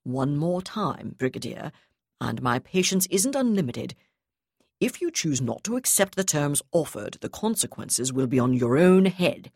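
A woman reading an audiobook, voicing a cold, ruthless male military commander who speaks calmly and with contempt. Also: low voice, husky, no room sound, studio quality, heavily acted. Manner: calm, contemptuous, measured.

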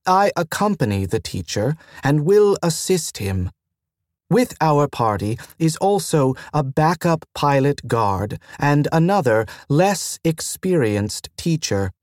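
A composed woman starship pilot, smooth and firmly courteous, as a male narrator voices her. The pace is unhurried and the sound dry and close. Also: a little high, sing-song, darkish tone, no echo. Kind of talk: audiobook character voice.

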